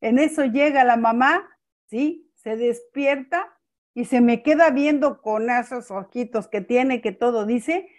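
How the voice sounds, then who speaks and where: A woman's voice: a little high, a little slow. An older woman teaching a family class, telling stories unhurriedly and often repeating words as she checks in with her listeners. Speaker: family-school speaker. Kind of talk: teaching talk with personal stories.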